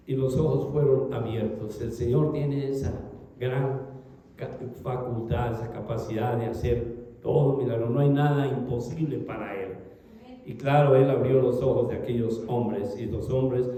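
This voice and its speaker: A man preaching a sermon to his congregation, reading scripture aloud and swinging between raised calls and low, trailing phrases. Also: mellow, distant mic. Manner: addresses congregation as brothers, reads scripture aloud. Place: large echoey hall. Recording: very echoey hall, long reverb.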